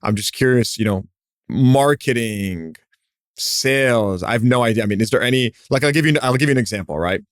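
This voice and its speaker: A man hosts a business podcast interview, asking curious questions in a loose, filler-heavy style. His mid-range voice moves briskly, recorded dry with studio quality.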